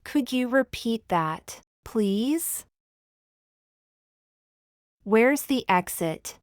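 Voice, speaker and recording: A woman reads practice phrases for learners, one at a time. She speaks very slowly and deliberately in a smooth, clear voice at a middle pitch. The sound is dry and close. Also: expressive, no room sound. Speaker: language teacher. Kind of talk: reading example phrases for learners.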